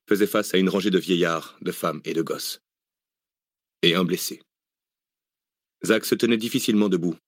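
Male audiobook narrator, low voice, dry close sound, measured delivery. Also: no echo. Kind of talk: scripted narration.

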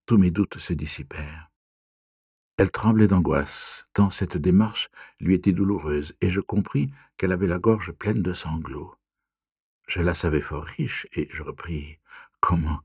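A man narrating a classic story in an audiobook reading, measured and even. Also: low-pitched, slightly rough, no room sound, clean studio sound.

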